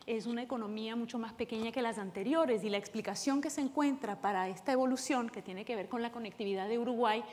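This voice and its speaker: A woman from Venezuela speaks on a conference panel, explaining her points in a hurried way with many fillers. Her voice sits slightly high. The sound carries a long reverb from a large conference hall. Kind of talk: conference presentation.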